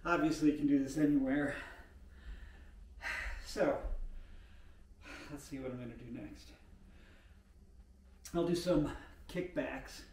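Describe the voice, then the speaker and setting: A man's voice: medium pitch, fairly even intonation, slow, long pauses, a little mellow. Older man rambling through a home workout. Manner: rambling, unpolished, thinking aloud with many fillers; talks while moving and exercising. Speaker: home exercise vlogger. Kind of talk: casual talk while demonstrating exercises. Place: room in an older mountain home. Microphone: camera set back from the speaker. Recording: roomy home audio from a distant mic, faint hiss.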